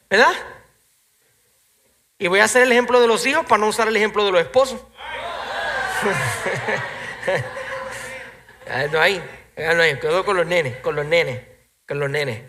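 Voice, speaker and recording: A man preaching a sermon as pastor, animated and emphatic, now and then slipping English phrases in. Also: sits high. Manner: animated preaching, rising to loud emphatic peaks.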